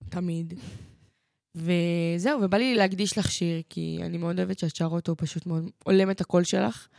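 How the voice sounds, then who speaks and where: A woman's voice: lowish voice, fairly even intonation, gravelly, darkish tone, no room sound, studio quality. A woman co-hosting a talk show, telling personal stories in a chatty, reflective way. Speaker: co-host. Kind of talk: casual chat.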